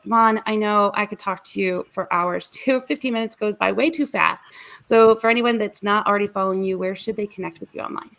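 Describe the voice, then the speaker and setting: Chatty woman with a gravelly edge. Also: mid-range voice, a bit bright. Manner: chatty, laughs often, rambling asides. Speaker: podcast co-host. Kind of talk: casual video-call chat.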